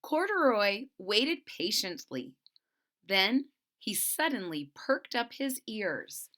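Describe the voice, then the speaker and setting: A woman's voice: mid-range voice, very animated, slow, a bit bright. A woman reading a children's story aloud expressively and retelling it in simple words.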